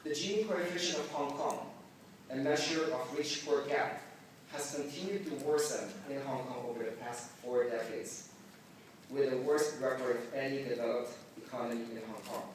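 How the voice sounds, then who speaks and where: A man raised in the Philippines gives measured welcome remarks as the organizer of a forum in a large conference hall, correcting himself now and then. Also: mid-range voice, slight background noise. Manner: measured, deliberate delivery with occasional slips. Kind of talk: formal prepared speech. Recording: echoey hall, mic at a distance.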